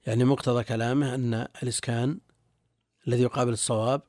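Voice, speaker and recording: With a medium-pitched, level and slightly mellow voice, a guest teacher who is a religious scholar reads and explains classical Arabic texts at a quick pace, repeating phrases along the way. The recording is studio quality, with no room sound.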